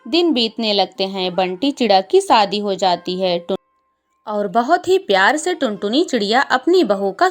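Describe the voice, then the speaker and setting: Slow woman storybook narrator. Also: medium pitch.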